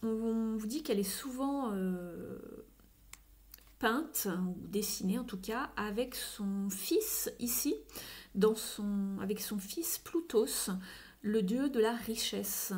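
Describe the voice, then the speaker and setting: A woman talks through a tarot reading in a relaxed, chatty way, pausing often with little fillers. Her voice sits a touch high. Now and then she drops to a soft, breathy near-whisper for an aside. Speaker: tarot reader. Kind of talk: casual spoken tarot reading.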